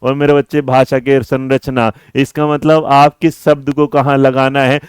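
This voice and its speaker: A man's voice: medium pitch, level tone, unhurried, clear, resonant tone, no room sound, clean studio sound. A man from India teaching an online exam-prep class in a playful, teasing way, calling his viewers his children.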